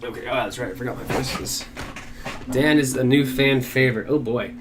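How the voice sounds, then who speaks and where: A man's voice: mid-range voice, normal speed. Man musing aloud over guitar music. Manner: rambling, talks to himself with many fillers. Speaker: game master. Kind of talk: casual solo stream prep, thinking aloud.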